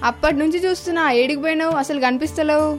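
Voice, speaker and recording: A woman playing a chatty younger village woman with a Telangana accent, talking in a lively, agreeable way. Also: high voice, rapid-fire, soft background music, lightly acted. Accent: Telangana Telugu. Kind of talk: radio drama acting.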